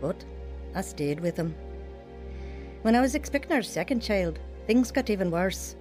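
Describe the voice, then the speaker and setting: A young adult woman plays a vulnerable, earnest young wife and mother in a radio drama, mixing acting with first-person narration. Her medium-pitched, somewhat dark voice is expressive yet lightly acted at a normal speed, with a somber, reflective mood and faint music behind.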